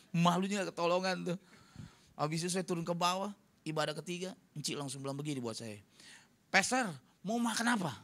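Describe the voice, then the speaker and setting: A man's voice: fairly high pitch, slight background noise. A man preaching a humorous sermon as a pastor, telling stories and acting out what others said. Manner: storytelling, jokey, acts out quotes. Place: church hall.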